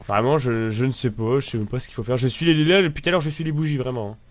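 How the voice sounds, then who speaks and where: A man's voice: mid-range voice, very fast. A man with a northern French accent giving rambling, casual commentary while playing a game, often swearing lightly. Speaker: gamer. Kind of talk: casual let's-play commentary.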